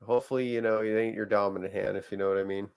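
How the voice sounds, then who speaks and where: A man's voice: on the low side, fairly even intonation, rapid-fire, darkish tone, clean tone. Podcast co-host, a man with an Illinois accent, jokey and profane, loose chat. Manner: joking, swears casually. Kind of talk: casual late-night chat.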